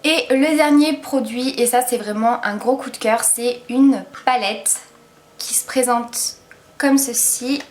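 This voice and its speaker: This woman's voice is a little high and her pace is slow as she gives a casual makeup review. As a beauty vlogger, she's enthusiastic and chatty, raving about products with many hesitant fillers.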